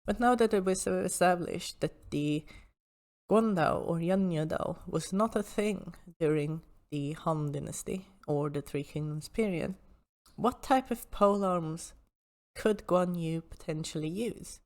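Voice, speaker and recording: A woman's voice: fairly low pitch, a little slow, a little mellow. A woman hosting an informal explanatory history talk, with hesitant asides as she explains.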